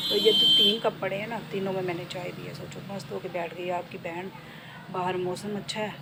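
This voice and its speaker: A woman's voice: medium pitch, creaky. A woman vlogger and beautician chatting playfully to her viewers from home, filmed on a phone. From Jammu. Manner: chatty, playful, talks straight to viewers with many tag questions. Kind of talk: casual chatty home vlog. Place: at home, indoors. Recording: noticeable background noise.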